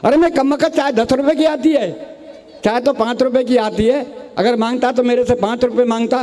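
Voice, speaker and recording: Older male comic poet in his sixties, Rajasthani accent, anecdotal stage delivery, higher-pitched voice. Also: steady tone, fairly quick, warm tone. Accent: Rajasthani Hindi. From Rajasthan, India. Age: 60s. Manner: anecdotal storytelling, acting out dialogue. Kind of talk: stage comic poetry recital.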